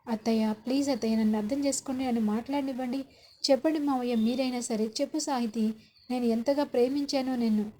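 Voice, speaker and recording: A woman's voice: on the high side, steady tone, fast, dark tone, a little hiss or hum, natural voice. A woman voicing a young man begging a family to believe his honesty, in a spoken serial recap. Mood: pleading. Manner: begging, insistent.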